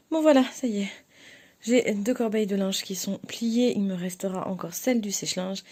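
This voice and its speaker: A woman chats informally as a vlogger. Her voice sits a little high yet has a very soft, dark-edged tone. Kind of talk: casual chatty vlog about daily chores.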